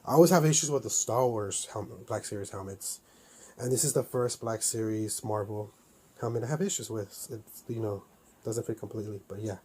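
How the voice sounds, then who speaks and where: A toy collector reviewing a helmet chats casually in an unboxing vlog, thinking aloud as he goes. His voice is lowish, brisk, husky, and dark in tone.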